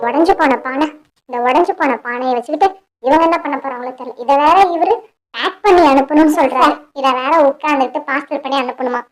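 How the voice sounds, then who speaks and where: Lilly, a nosy little cartoon bird assistant with a high, piping voice who grumbles through her chores , as a woman plays her. She is eager and childlike, always begging to tag along. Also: brisk, natural voice. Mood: grumbling. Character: chatty eager female bird office helper. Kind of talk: cartoon voice acting.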